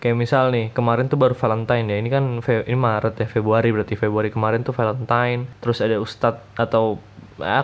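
A man's voice: medium pitch, a little mellow. A young man from Indonesia, giving his opinions in a casual, chatty monologue full of fillers.

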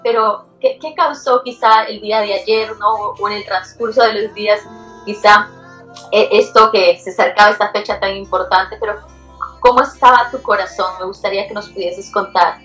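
A woman pastor interviewing a guest, asking a gentle question with searching, hesitant phrasing. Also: medium pitch, steady tone, normal speed, faint music behind, rough recording.

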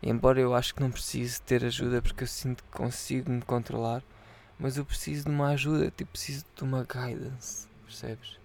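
Drunk gravelly Portuguese man rambling. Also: mid-range voice, level tone, fairly quick, a little mellow. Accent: European Portuguese. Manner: rambling, repeats himself, swears freely. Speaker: podcast host. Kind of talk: rambling casual monologue to patrons.

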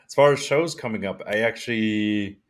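A man's voice: lowish voice, moderate pace. An exhausted man co-hosting a music review podcast, chatting casually and rambling with lots of "like.". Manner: relaxed, rambling with many "like" fillers. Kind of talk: casual chat.

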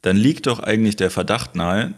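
A man co-hosting a casual tech podcast, musing out loud with hesitations. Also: lowish voice, moderate pace, husky. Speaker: podcast co-host.

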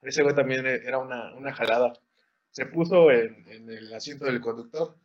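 A man's voice: medium pitch, steady tone, brisk, a little mellow. A young man with a Mexican Spanish accent telling a story in casual chat, full of slang and swearing. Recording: dull lo-fi sound.

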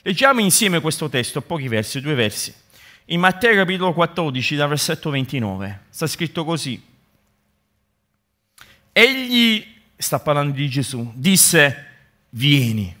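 A man's voice: fairly high pitch, big pitch swings, unhurried, pushed and bright. A male pastor delivering a sermon, building his points through repeated phrases and speaking directly to his congregation. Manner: impassioned preaching with repeated rhetorical build-ups; addresses the congregation directly with asides.

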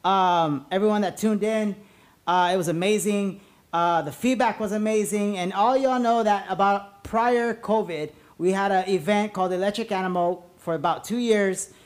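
A man's voice: sits high, moderate pace. Slangy, informal male podcast host. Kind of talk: casual, rambling host chat.

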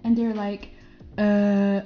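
A woman's voice: medium pitch, level tone, slow pace, faint music behind. A woman from Somalia, a guest on a podcast, chatting playfully and teasingly in English and Danish. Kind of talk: casual chat. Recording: dull lo-fi podcast audio.

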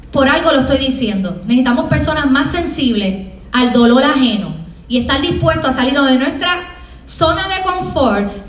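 A woman professor with a Puerto Rican accent, giving a lively motivational talk to students and acting out little scenes as she tells them. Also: sits high. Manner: lively, acts out scenes in small voices. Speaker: university professor. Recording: echoey room, from far off.

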